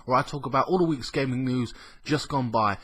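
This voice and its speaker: A man with a slightly croaky, under-the-weather voice, hosting a casual gaming news vlog in a rambling, colloquial, sweary way. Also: medium pitch, quick pace, a bit bright. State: ill with a cough. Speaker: gaming news show host.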